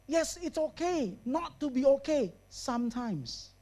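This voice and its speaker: Animated preacher man mixing in English. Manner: lively, slows down and raises his voice for emphasis; drops to a low, quiet voice for serious points. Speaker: pastor and therapist. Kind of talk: sermon.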